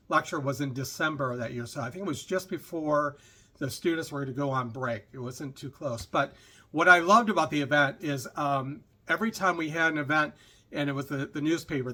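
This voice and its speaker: Bright-voiced man telling a story. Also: fairly high pitch. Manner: chatty, rambling, with many fillers and asides. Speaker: lecturer telling a personal story. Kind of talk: casual storytelling to camera.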